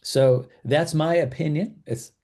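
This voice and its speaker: A man's voice: fairly high pitch, fairly even intonation, a little slow, mellow. A middle-aged man, a real estate broker, giving casual advice and acting out what clients and agents might say. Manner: conversational, acts out quoted people.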